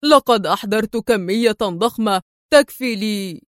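A man's voice: sits high, normal speed, a bit bright, no echo, clean studio sound. A woman voicing a jittery, easily stirred Palestinian man who sounds jumpy and eager.

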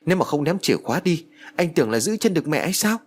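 A man's voice: on the high side, very animated, quick pace, voice pushed up. A man voicing an alarmed adult daughter who speaks in an urgent, commanding way, in a spoken ghost-story audiobook. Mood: indignant.

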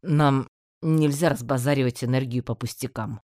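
A reader voicing a stern, prim male mage in an audiobook, measured and lofty. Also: medium pitch, steady tone, darkish tone, no echo, clean studio sound, close to an everyday voice.

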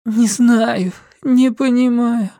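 A reader voicing a bitter grown woman who shouts shrilly in fits of temper. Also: mid-range voice, steady tone, slow, no room sound, studio quality, voice pushed up. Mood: dazed.

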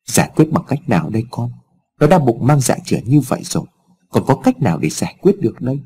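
A man's voice: mid-range voice, very animated, fast talker, warm tone. A man voicing a distraught old mother in a told story, speaking in a wailing, anxious way.

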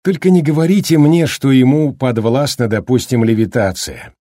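A man voicing a calm, measured male doctor in an audiobook thriller, speaking in a slightly raised, husky voice. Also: medium pitch, dry recording, studio quality, lightly acted. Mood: calm explaining. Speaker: doctor in the story. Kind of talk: audiobook character reading.

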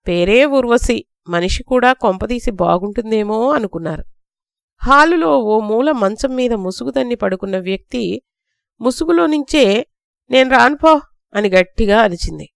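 An older woman narrating a story in a lively way, voicing the characters' lines as she reads. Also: medium pitch, vocal fry, clean tone, dry recording, studio quality. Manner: lively reading with voiced quotes of characters. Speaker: narrator reading her own story.

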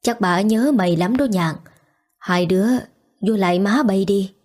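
A blunt old village man in a spoken storybook, as a woman voices him, slow and reproachful. His words are plain and scolding. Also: mid-range voice, darkish tone, natural voice.

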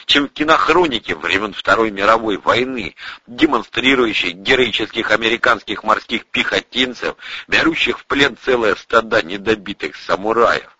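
A man narrating an audiobook, reading in a lively, expressive way. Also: fairly low pitch, breathy edge, no echo, muffled recording.

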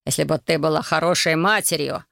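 A reader voicing a furious, frightened middle-aged man who shouts and spits insults, read as an audiobook character. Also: a little high, fairly even intonation, fairly quick, vocal fry, no echo, studio quality, heavily acted.

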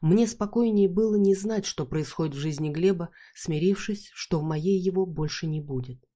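A woman narrates a first-person audiobook in a wry, measured manner. Her voice is somewhat low and warm, with a mellow tone.

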